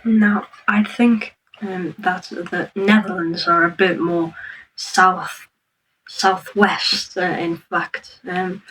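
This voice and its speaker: A woman talks over a clip she is reacting to. Her voice stays flat in pitch, she pauses with many ums, and she spells things out slowly. She sits a little away from the mic, so she sounds distant. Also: slight background noise. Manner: hesitant, full of ums, slow careful explaining. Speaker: reaction video host. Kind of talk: commenting on a played clip.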